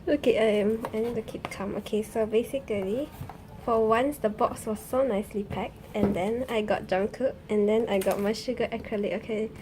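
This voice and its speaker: A young woman chatting casually through an unboxing, often gushing with fan excitement. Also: a little high, moderate pace, background noise. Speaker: unboxing vlogger.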